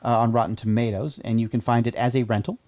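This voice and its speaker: A man's voice: mid-range voice, steady tone, fast, darkish tone. A man co-hosting a casual podcast, rambling along good-naturedly. He talks loosely, with plenty of "like" and "you know," and cracks dry jokes. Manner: chatty, jokey, many fillers. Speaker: podcast co-host. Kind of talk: casual chat.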